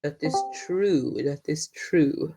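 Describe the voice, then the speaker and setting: Low-voiced woman commentating a game. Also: takes it slowly, dark tone, breathy edge, faint music behind. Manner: agreeable, explains the play step by step. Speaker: esports commentator.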